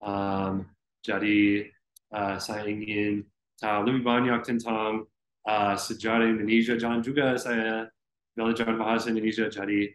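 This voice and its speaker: Slow, halting young American man, roomy echo. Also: fairly low pitch, level tone. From Florida, United States. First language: English. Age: young adult. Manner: halting second-language speech with frequent hesitations. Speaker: interview guest, student. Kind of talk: conversational interview. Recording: roomy, echoey sound.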